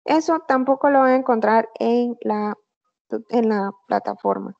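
A woman tutors an online English class, walking through examples in a slow, patient way. Her voice sits fairly high but carries a gravelly fry. The call audio sounds dull and lo-fi. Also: a little mellow. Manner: patient, slow explaining with fillers.

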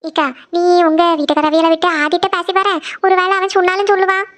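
Cartoon role: supportive younger sister, voiced by a performer, shrill and fast-talking, gently persistent. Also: fairly even intonation. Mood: coaxing. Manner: coaxing, reassuring, rapid questions. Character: caring younger sister comforting her elder sister. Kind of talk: Tamil cartoon series dialogue.

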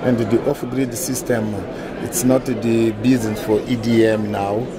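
A middle-aged man, a native Portuguese speaker with a thick foreign accent, giving halting interview answers in non-native English. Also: mid-range voice, little pitch movement. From Mozambique. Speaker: utility manager being interviewed. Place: indoor conference interview booth. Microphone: lapel. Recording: busy event hall chatter behind.

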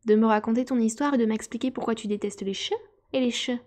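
Storybook girl, eager and polite, slightly raised and bright, voiced by a woman. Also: a little high, steady tone, fast talker, lightly acted. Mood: earnest. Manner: earnest and apologetic. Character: polite, eager young girl, a bit anxious.

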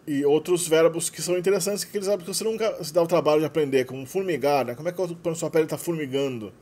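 A man's voice: fairly high pitch, very fast, darkish tone. A man talks through the vocabulary of his language course, explaining as he goes and often tagging his sentences with "né". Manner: explanatory, frequent "né" tags. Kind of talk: screen-share lesson narration.

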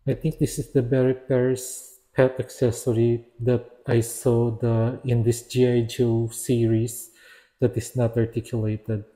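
Man, toy reviewer, slow unhurried delivery, dark mellow tone, hesitant self-corrections. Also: mid-range voice, flat delivery. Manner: hesitant, restarts and corrects himself. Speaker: action figure reviewer. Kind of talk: casual product review narration.

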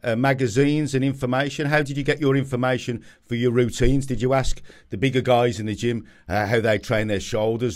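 An older man talking into a studio condenser mic, chatty and animated as he hosts a relaxed interview. His voice sits at a middle pitch and comes across clean and close. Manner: chatty, animated storytelling questions. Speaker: podcast host, gym owner. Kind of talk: casual interview. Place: indoor home gym with brick wall. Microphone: studio condenser mic with headphones.

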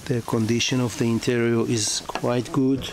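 On a sailboat tied up in a marina, a male yacht broker narrates a boat walkthrough while filming, both outside and below deck. He speaks slowly and haltingly, full of fillers, pauses, and restarted sentences, in a medium-pitched, level tone. Noisy outdoor camera audio captures it.

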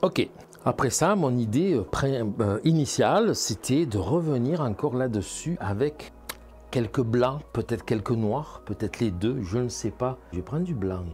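Dark-voiced painter chatting through his work. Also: mid-range voice, animated, measured pace. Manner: chatty, thinks aloud, addresses viewers with "hein" and "vous voyez". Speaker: painting instructor. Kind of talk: casual painting demonstration.

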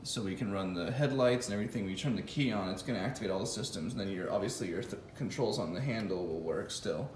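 In his home garage, a vlogger building an electric motorcycle casually walks through its wiring, thinking aloud with fillers and restarts. His fairly low, slightly mellow voice moves at a quick pace with hardly any pauses, recorded close on a phone camera with roomy sound and slight background noise.

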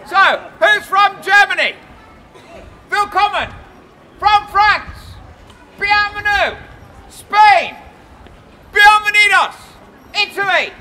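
An older man proclaiming as a town crier, loud, theatrical and jovial, to people in the street. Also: very high-pitched, lively intonation, takes it slowly, pauses often. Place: outdoors on a busy city shopping street. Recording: noisy outdoor street with crowd. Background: crowd and street noise.

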